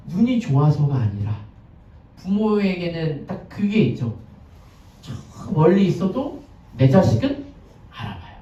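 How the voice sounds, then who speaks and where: A male pastor preaches in a relaxed, conversational way, stopping to ask his listeners questions. His voice sits high and swings widely in pitch, with a soft, dark tone. He is recorded from a distance in an echoey church, and the sound comes through dull and lo-fi. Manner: chatty, asks the congregation questions, acts out scenes. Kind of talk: conversational sermon. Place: church sanctuary.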